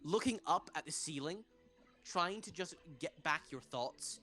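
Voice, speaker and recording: A game master narrating a tabletop role-playing game in a casual, halting way, restarting phrases as he describes events. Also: mid-range voice, expressive, pushed and bright.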